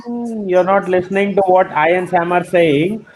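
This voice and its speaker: A man's voice: sits high, normal speed, poor audio. A man in a heated casual chat, persistent, cutting in again and again to make his point. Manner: persistent, keeps cutting in by repeating a name. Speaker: podcast host.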